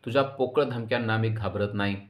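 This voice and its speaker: A swaggering, corrupt police officer taunts his prisoners in a fairly low voice, as a man reads his lines in a serial recap. He boasts and threatens in a plain recap voice-over. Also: steady tone, brisk, natural voice. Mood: taunting. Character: arrogant, gloating corrupt male police officer. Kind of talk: recap voice-over reading dialogue.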